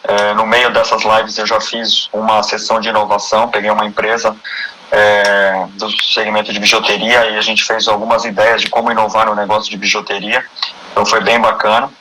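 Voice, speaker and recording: A man's voice: fairly low pitch, level tone, brisk, background noise. A man with a Brazilian Portuguese accent hosting a casual live-stream interview, chatty and friendly, often restarting his sentences.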